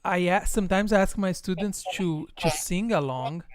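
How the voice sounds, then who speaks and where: Man, Brazilian accent, casual host, slightly high voice, smooth, dry recording. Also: normal speed. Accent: Brazilian Portuguese. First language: Portuguese. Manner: relaxed, laughs often, many fillers. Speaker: host and guitar teacher. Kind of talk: casual online interview.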